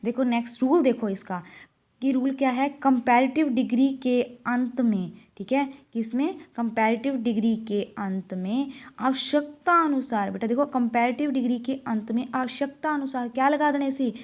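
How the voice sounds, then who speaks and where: A woman teacher explaining English grammar to students, asking and answering her own questions over and over, and slowly drawing out example sentences. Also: fairly high pitch, a little mellow. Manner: repetitive question-and-answer drilling, calls students 'beta'; slow, drawn-out reading of example sentences. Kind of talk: classroom grammar lesson.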